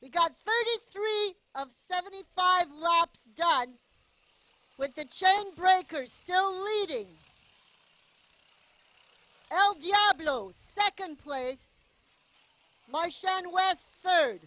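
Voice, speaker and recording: A woman's voice: very high-pitched, animated, takes it slowly, pauses often, sharp tone. A woman doing casual play-by-play commentary at a go-kart race, chatty and cheering the drivers on. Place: outdoor go-kart race track.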